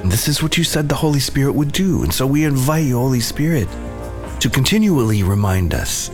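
Earnest man praying over soft music. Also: medium pitch, big pitch swings, a little fast. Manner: earnest, gentle and heartfelt. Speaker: podcast host. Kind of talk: devotional reflection and prayer.

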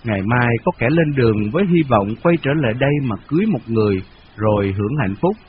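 A man reading a novel aloud in a steady, measured storytelling voice, on a dull lo-fi radio recording. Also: mid-range voice, a little hiss or hum. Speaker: narrator.

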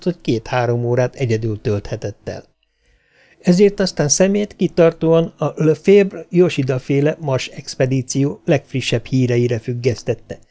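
A man reading a novel aloud as an audiobook, in an expressive storytelling manner. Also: on the high side, vocal fry. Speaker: audiobook narrator. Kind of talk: scripted narration of a novel.

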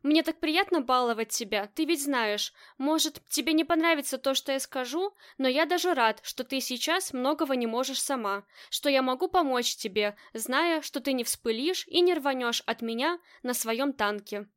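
A woman's voice: high voice, normal speed, hardly any pauses, fairly bright tone, dry recording, studio quality. A woman voicing a tender, playful grown husband in an audiobook, speaking lovingly to his wife. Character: affectionate teasing husband, grown man.

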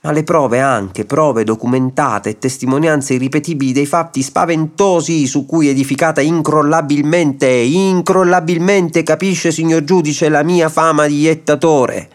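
A man's voice: on the high side, steady tone, moderate pace, few pauses, pitched above the performer's own voice, lightly acted. A man voicing a grim, indignant middle man branded a jinx, insistent and stubborn, in a radio story reading.

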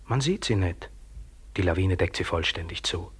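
An actor playing a stern inner voice that urges a man buried in the snow to keep counting and digging. He speaks in a breathy, hushed voice, often whispering, with terse, cold commands. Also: low voice, expressive, normal speed, full character voice. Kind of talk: radio drama acting.

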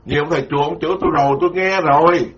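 A man's voice: fairly high pitch, steady tone, very fast. A man giving a sermon as a Buddhist monk, colloquial and self-mocking. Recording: dull lo-fi sound.

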